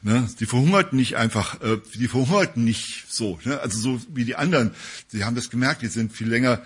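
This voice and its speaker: A man's voice: mid-range voice, fairly quick, slightly rough. A man preaching a casual sermon to a congregation in a conversational way, with frequent tag questions and hesitations. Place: church service.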